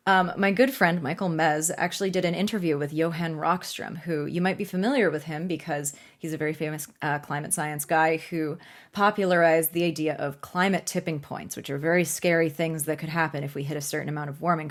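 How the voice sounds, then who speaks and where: Young woman vlogging, kinda low voice, chatty, sarcastic asides. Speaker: climate video creator. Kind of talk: casual explanatory vlog talk.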